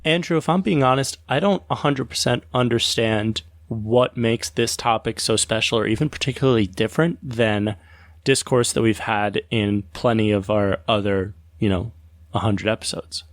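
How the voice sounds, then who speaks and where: A man co-hosting a podcast puts a blunt question to his partner. His voice sits a little low, and the sound is dry and close. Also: normal speed, dry recording. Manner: frank, questioning. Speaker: podcast co-host. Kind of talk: casual podcast chat.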